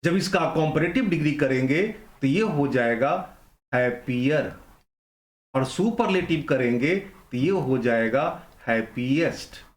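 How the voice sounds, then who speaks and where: A man's voice: fairly high pitch, lively intonation, moderate pace, hardly any pauses, reverberant. A man teaching an online grammar lesson, explaining rules step by step and repeating the key points.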